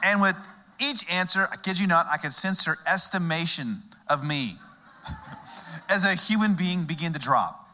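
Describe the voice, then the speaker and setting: A middle-aged male pastor from Texas, preaching a sermon through a humorous story told with dramatic pauses. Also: a little high, pushed and bright, slight background noise.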